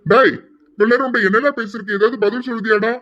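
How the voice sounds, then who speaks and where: A man's voice: very high-pitched, fairly even intonation, fast, pushed and bright. A man doing a bossy, scolding father. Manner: scolding, demanding answers. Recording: slightly dull lo-fi audio.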